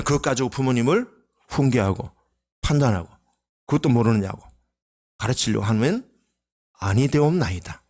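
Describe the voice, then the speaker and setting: A man preaching a Sunday sermon as pastor, asking the congregation rhetorical questions and swinging between loud exclamations and soft low asides. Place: church sanctuary.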